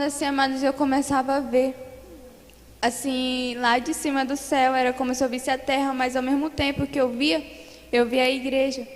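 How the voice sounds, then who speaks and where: A young Brazilian woman recounts a religious testimony in an earnest, fervent way, circling back to the same phrases. Her voice sits high but stays fairly even in tone. The sound carries a long echo, as in a church hall. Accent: Brazilian Portuguese. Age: young adult. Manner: earnest, repetitive storytelling that grows louder and more fervent. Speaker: church member giving testimony.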